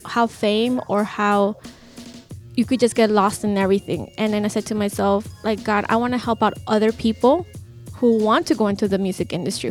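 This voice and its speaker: A woman's voice: medium pitch, a little mellow. A woman guest on a radio interview, earnestly and reflectively talking about coaching music artists. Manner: earnest, reflective, laughs readily when teased.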